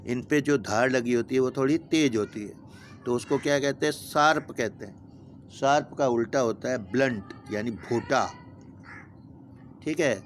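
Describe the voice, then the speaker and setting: A man's voice: medium pitch, unhurried, a little hiss or hum. A man teaching a vocabulary lesson to young pupils, patiently spelling each word letter by letter and giving its meaning. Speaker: school teacher.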